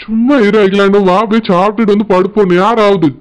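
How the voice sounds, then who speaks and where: A man voicing a calm, placating older village father-in-law with a Tirunelveli Tamil accent. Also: sits high, fast talker, very noisy, natural voice. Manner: soothing, placating.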